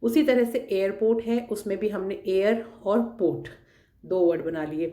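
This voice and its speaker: A woman teacher explains a classroom worksheet patiently, one step at a time. Her voice sits at a middle pitch and carries a noticeable room echo. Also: moderate pace, warm tone.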